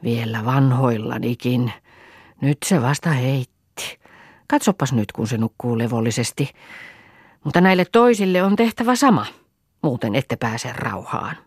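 A woman's voice: rumbling low, lively intonation, husky, no echo, studio quality, heavily acted. A woman voicing a stern old village healer woman who chants charms and gives commands. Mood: stern chanting. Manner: incantatory, commanding.

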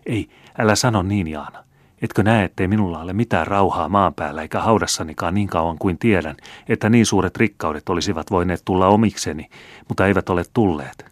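Man reading as a desperate old miser, deep voice, close and dry, urgent pleading. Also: no echo. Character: greedy gold-hungry old man, pleading then cursing.

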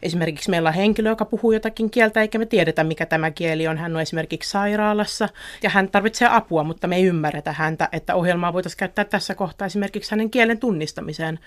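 A woman, a research assistant, explaining her work in a radio interview in a methodical, explanatory way. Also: medium pitch.

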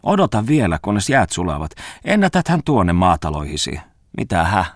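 A man's voice: low-pitched, big pitch swings, dry recording, studio quality, exaggerated voice. A man voicing a plump, teasing old-town bookseller. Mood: coaxing. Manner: bantering, chiding in jest.

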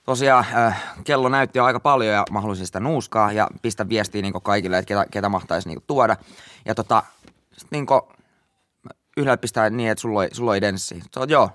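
A man's voice: on the low side, dry recording. A young man with a Finnish accent, casually telling an anecdote as a podcast host, acting out his own reactions. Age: young adult. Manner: animated storytelling with acted-out reactions. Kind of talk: casual storytelling chat.

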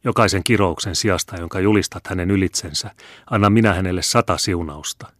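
A man's voice: low voice, fairly bright tone, no echo, studio quality. A man reading as a passionate dying mother. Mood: impassioned. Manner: impassioned, pleading.

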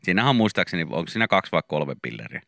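A man co-hosting a morning radio show with a very low voice that still moves around a lot in pitch. His tone is bright and forceful, and he rambles through stories with plenty of fillers. The studio sound is dry and close. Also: creaky, no echo. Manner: rambling, relaxed, many fillers. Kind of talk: casual radio chat. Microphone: studio microphone.

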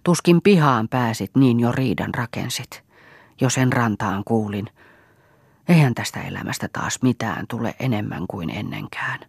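A woman's voice: a bass voice, animated, gravelly, breathy edge, no echo, studio quality, heavily acted. A woman voicing a weary, exasperated grown son in an audiobook.

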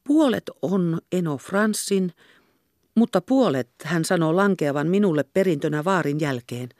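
A woman's voice: fairly low pitch, lively intonation, darkish tone, dry recording, studio quality, natural voice. A woman reading a novel aloud, voicing a matter-of-fact mother.

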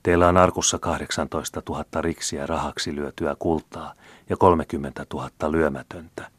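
A man reading aloud and voicing a stern male doctor who calmly accuses another man. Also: a bass voice, husky, dry recording.

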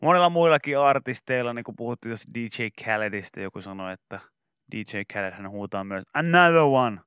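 A man's voice: lowish voice, steady tone, smooth, no room sound, clean studio sound. A man co-hosting a casual morning radio show, joking and bantering with his partner. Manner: jokey, sings and shouts song intros.

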